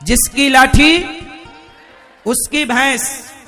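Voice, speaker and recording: High-voiced, bright preacher quizzing the crowd. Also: male voice, very slow, soft background music. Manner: rhetorical, quizzing the audience. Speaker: religious preacher. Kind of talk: devotional sermon to a live audience.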